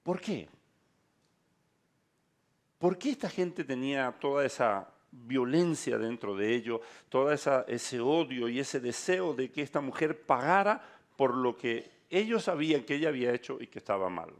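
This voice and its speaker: Pastor preaching with dramatic storytelling. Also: male voice, medium pitch, lively intonation, moderate pace. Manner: dramatic storytelling with sudden shifts between soft and loud. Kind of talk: sermon.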